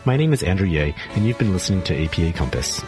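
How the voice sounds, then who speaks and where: A man hosting a radio show, introducing guests in a measured, announcing way. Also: sits low, big pitch swings. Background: music.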